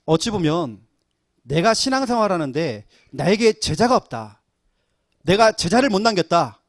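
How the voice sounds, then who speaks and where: A middle-aged man, a pastor, preaching a sermon and telling stories with lively acted-out quotes. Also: high-pitched, normal speed, no room sound, studio quality. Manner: animated storytelling, acting out quoted voices.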